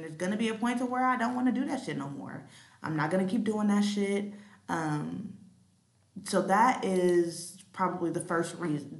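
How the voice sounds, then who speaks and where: A woman's voice: fairly low pitch, creaky, a bit bright, echoey room. A woman in her late twenties hosting a solo podcast, talking bluntly and casually with plenty of swearing and ums. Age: late 20s. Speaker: podcast host. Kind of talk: candid solo podcast monologue.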